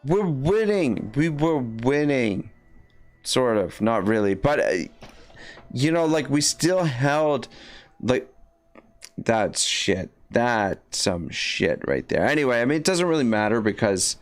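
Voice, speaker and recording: Speaking slowly yet very animatedly, a man with a medium-pitched, scratchy voice gives loose, casual commentary while streaming a strategy game live. His talk is full of fillers and restarts.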